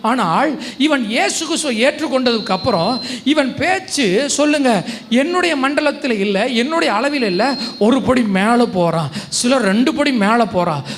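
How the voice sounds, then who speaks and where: A man's voice: very high-pitched, slight background noise. A man preaching a sermon, calling on the congregation to repeat his words aloud. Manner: prompts the congregation to answer aloud, shifting between slow emphasis and rapid bursts. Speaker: pastor. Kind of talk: call-and-response sermon.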